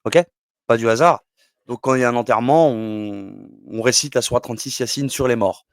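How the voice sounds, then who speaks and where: A man's voice: mid-range voice, fairly quick, no echo. Rambling man explaining, dry close sound. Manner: rambling, many fillers and asides, switches between tu and vous. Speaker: religious numerology teacher. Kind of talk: casual explanatory talk.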